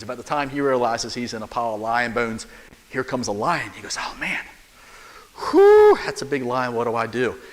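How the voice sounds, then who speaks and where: A man's voice: mid-range voice, fairly bright tone. A man, a church elder, preaching a sermon in a conversational way, full of rhetorical questions and humor, in a church sanctuary. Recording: long church reverb.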